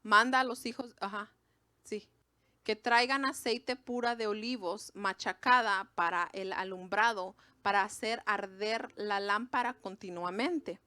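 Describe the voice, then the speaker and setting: Speaking at a measured pace with a sharp tone, this preacher is a woman from Mexico with a Mexican accent. She gives a casual, conversational sermon to a group of women, tossing in asides to them. Her pitch is medium, and there's no room sound.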